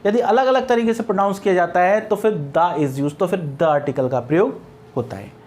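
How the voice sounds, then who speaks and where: A man's voice: high voice, brisk, darkish tone. A male English grammar teacher explaining step by step, mixing English terms into Hindi and answering his own questions. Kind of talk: Hindi-language grammar lesson.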